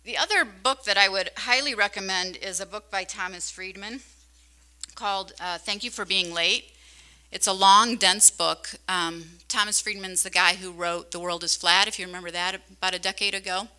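Woman, middle-aged, conference keynote, conversational, crisp smooth tone, handheld mic. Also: mid-range voice, moderate pace, bright, forceful tone. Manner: conversational, asks the audience questions. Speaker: keynote speaker. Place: large conference hall. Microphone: handheld microphone.

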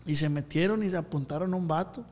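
A man tells slangy stories on a casual podcast, slipping into the voices of the people he describes. His voice sits a little high for a man. The room carries a long, ringing reverb. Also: quick pace, darkish tone. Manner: slangy storyteller, acts out voices in anecdotes. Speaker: podcast host.

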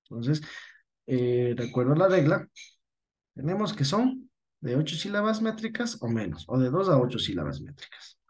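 Patiently teaching online, this man with an Ecuadorian Spanish accent corrects himself often and keeps checking on his students. He speaks at a moderate pace in a mid-range, slightly mellow voice with big pitch swings.

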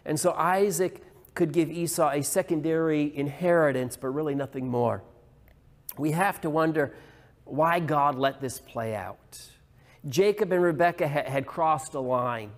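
A man's voice: fairly high pitch, measured pace. A male pastor preaching a sermon, retelling a story earnestly with small restarts. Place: church hall. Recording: long hall reverb.

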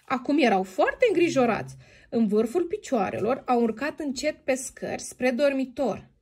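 A woman reading a children's story aloud in an expressive, sing-song manner, sometimes addressing the heroine directly. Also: high voice, husky.

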